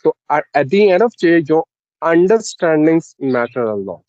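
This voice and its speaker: A man explains his points in a measured way, pausing often. His voice sits a touch high. The recording is dry and somewhat muffled. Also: very animated, no echo. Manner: deliberate, explanatory, with pauses. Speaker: English conversation partner. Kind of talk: casual discussion practice. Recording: dull, lo-fi, dry sound.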